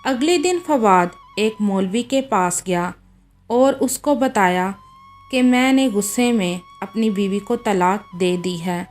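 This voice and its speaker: A woman storyteller reading a moral story aloud in a steady, measured way. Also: medium pitch, soft background music.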